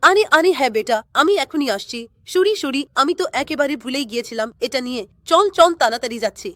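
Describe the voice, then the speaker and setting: A woman voicing a hurried male ambulance driver in a doll story, who talks politely and keeps apologizing. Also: sits high, animated, a bit bright, no room sound. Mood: apologetic.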